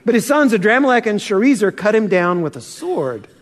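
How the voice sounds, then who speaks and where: A pastor giving an earnest sermon, slowing down to stress key points and challenging his listeners. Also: high-pitched, big pitch swings, in a large hall. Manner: earnest, challenging, slows for emphasis.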